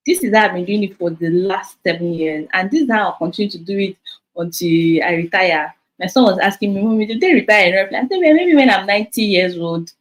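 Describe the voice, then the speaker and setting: A Nigerian woman in her thirties coaches her sales team, talking into her phone. She is lively and direct, with a mid-pitched voice, and slips in Pidgin while she repeats each key point. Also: brisk, poor audio. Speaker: business coach.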